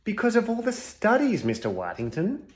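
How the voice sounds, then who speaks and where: A man raises his voice above his own natural pitch to play a cocky, scruffy, bearded compassion expert in a comedy sketch set in a school chapel. Confidently reeling off studies at normal speed, he sounds high with wildly swooping pitch.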